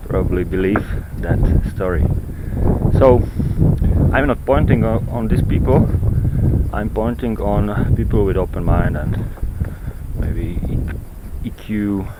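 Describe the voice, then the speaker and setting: Out on a mountain trail, a vlogger with a lowish voice rambles about ancient texts as he walks. English isn't his first language, so he halts, hunts for words and repeats himself, all caught on a noisy handheld recording with clicks.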